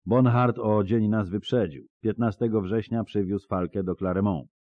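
A man voicing a soldier giving testimony before a tribunal in an audiobook, hurried and deferential. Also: fairly low pitch, fairly even intonation, no echo, dull audio, close to an everyday voice. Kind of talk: audiobook character voice.

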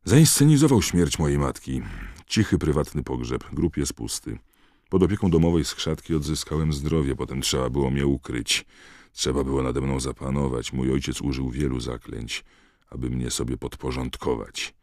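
A man voicing a young male prisoner who speaks in a dead, emotionless monotone. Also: rumbling low, normal speed, dry recording, studio quality. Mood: flat. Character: young male prisoner under a truth potion.

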